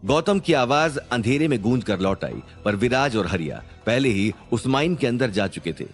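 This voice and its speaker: A man's voice: medium pitch, expressive, moderate pace. A man narrating a suspense story in a scripted, dramatic storytelling manner.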